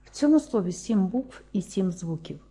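Dark, husky Ukrainian woman teaching. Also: medium pitch, animated. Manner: slow, deliberate, spelling out sounds one by one. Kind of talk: lesson.

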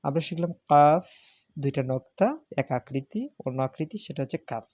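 A man's voice: fairly high pitch, normal speed, a little mellow, no echo. Man, patient tutor, repeats letter names, dry recording. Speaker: Arabic alphabet teacher. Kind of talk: step-by-step spoken lesson.

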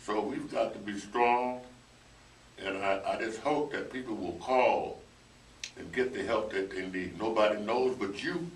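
A man's voice: lowish voice, measured pace. Earnest male veteran in a roomy studio. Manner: earnest, appealing directly to listeners. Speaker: veteran panelist. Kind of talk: radio roundtable talk. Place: small radio studio. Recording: roomy, distant camera audio with faint noise.

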